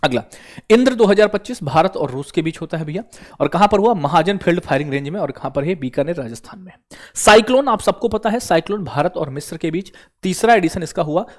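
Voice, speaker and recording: A man with a high, expressive, slightly fast voice teaches exam prep, repeatedly asking the viewer questions and answering them himself while calling listeners "brother."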